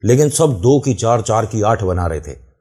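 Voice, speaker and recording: A man's voice: fairly low pitch, animated, normal speed, mellow, slightly rough. A man telling a true-style horror story in casual first person. He talks to the listener directly and explains the scene as he goes.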